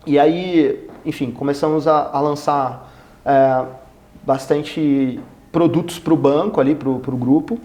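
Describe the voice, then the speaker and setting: Brazilian guy, podcast guest, slangy and animated, acts out dialogue, slightly high voice. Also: slow. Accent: Brazilian Portuguese. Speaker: guest, company executive. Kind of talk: casual storytelling interview.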